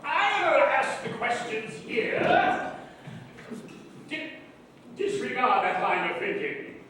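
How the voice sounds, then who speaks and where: High-voiced pompous detective, played by a man, lecturing, lively pitch, echoey stage from far off. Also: slow, a little hiss or hum, full character voice. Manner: lecturing, commanding. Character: pompous male detective running a murder inquiry. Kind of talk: stage play acting.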